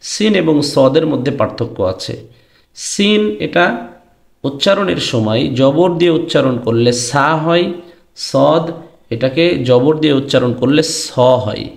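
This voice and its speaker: Gravelly man teaching Quran pronunciation. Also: medium pitch. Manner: drawn-out chanted letter names between explanations; addresses students directly. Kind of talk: pronunciation lesson. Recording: echoey room.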